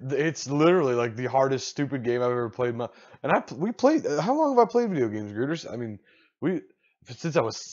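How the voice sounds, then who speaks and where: A middle-aged man co-hosting a casual podcast chat, blunt and animated, swearing casually. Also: fairly high pitch, dull audio. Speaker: podcast co-host.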